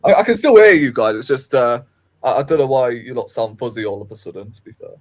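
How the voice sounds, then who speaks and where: A man's voice: mid-range voice, expressive, fast talker, a little mellow, low-quality recording. A man hosting an online football panel, asking questions in a hesitant, repeating way. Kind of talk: casual football chat.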